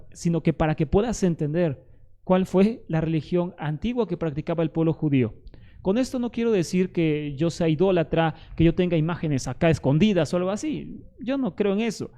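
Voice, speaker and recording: A man's voice: high-pitched, warm tone. A man presenting a Bible history lesson straight to the viewer, emphatic, arguing with the objections he imagines the listener raising. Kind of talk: direct-to-camera teaching monologue.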